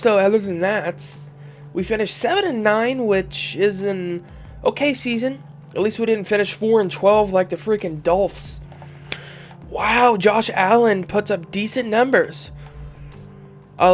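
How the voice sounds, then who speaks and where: A young man with a congested voice, casually commenting while he reviews season stats in a football video game. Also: sits high. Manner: relaxed, thinking aloud while reviewing stats. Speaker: gaming YouTuber.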